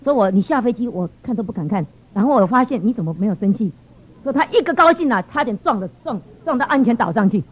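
A woman giving a lively church testimony, telling stories with animated expression. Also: a little high, fast talker, husky. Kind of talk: storytelling testimony. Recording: dull lo-fi sound.

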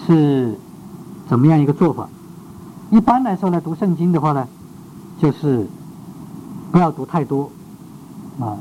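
A man teaching a devotional class as a Bible teacher, full of "ah" fillers and rhetorical checks, dropping English words into his speech. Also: on the high side. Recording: dull lo-fi recording with faint background noise.

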